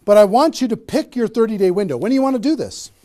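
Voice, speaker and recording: A man giving an energetic motivational seminar talk on network marketing, firing rhetorical questions at a live audience. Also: high-pitched, quick pace.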